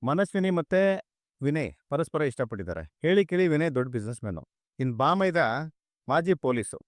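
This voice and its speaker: A man's voice: a little high, very animated, fairly quick, dry recording, studio quality. An actor playing a former policeman and family man who talks casually, in a TV serial. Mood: chatty. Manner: casual, chatty. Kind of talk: TV serial acting.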